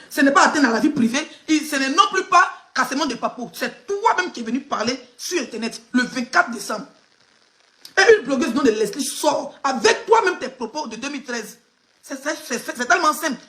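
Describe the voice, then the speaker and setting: Fast, high, bright Ivorian woman ranting. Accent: Ivorian French. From Côte d'Ivoire. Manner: emphatic, mocking, talks straight at the person she criticizes, laughs often. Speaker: online gossip blogger. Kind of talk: live video commentary.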